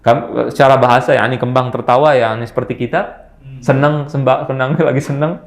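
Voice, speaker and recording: A man teaching a religious study class, reciting Arabic verse slowly, mixing in Arabic words and quizzing his listeners with quick questions. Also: mid-range voice, steady tone, roomy sound. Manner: mixes Arabic words into speech. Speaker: Islamic teacher. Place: study room at an organization office.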